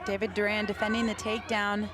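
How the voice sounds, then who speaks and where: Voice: mid-range voice, flat delivery, fast talker. A fight analyst giving conversational live color commentary. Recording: loud crowd and music behind. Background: roaring crowd, music.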